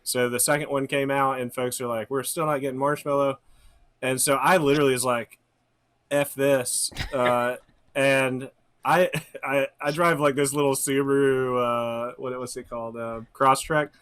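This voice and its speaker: A man's voice: medium pitch, fairly even intonation, moderate pace, a bit bright, smooth. A man who runs a brewery, a guest on a podcast, telling a story with hesitations and dry humor. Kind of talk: casual chat.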